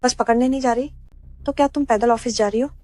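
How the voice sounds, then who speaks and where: A woman's voice: fairly high pitch, quick pace, dark tone, close to an everyday voice. An actress dubbing a snobbish young female former coworker who talks in a mocking, condescending way. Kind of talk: dubbed drama dialogue.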